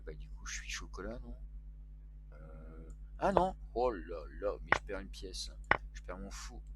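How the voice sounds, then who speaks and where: A man's voice: fairly low pitch, heavy background noise. A man streaming online chess, talking casually to himself and to his viewers. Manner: muttering to himself, chatty with viewers. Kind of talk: casual live-stream commentary.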